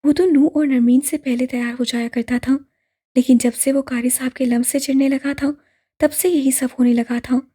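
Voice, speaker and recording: Breathy woman reading a novel. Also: high voice, fairly even intonation, dark tone. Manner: slow, measured, somber storytelling. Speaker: audiobook narrator.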